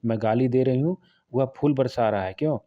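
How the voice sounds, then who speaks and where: A man voicing a fierce, sharp-tongued middle-aged village wife who scolds cuttingly, read in his own voice for an audiobook. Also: medium pitch, fairly quick, dull audio, lightly acted. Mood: scolding.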